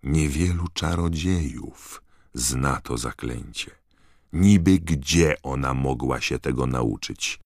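A man voicing a calm, reasonable middle-aged male wizard in an audiobook, gentle and patient. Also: a bass voice, slow, vocal fry, no room sound, clean studio sound, exaggerated voice. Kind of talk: audiobook character voice.

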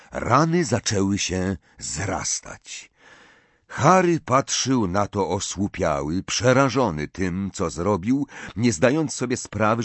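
A man narrating an audiobook in an expressive, tense storytelling manner. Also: on the low side, no echo.

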